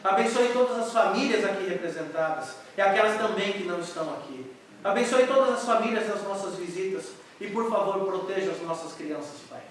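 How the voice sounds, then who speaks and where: A man's voice: sits high, a little fast. A man preaching and leading a prayer in a church, with an earnest, reverent manner. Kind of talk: sermon and closing prayer. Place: church sanctuary. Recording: echoey church hall, mic far off.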